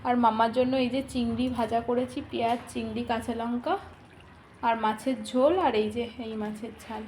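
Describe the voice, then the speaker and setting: A woman's voice: a little high, steady tone, normal speed, darkish tone, slight background noise. A woman chatting casually to her viewers as she narrates her day of home cooking. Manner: chatty, talks straight to viewers.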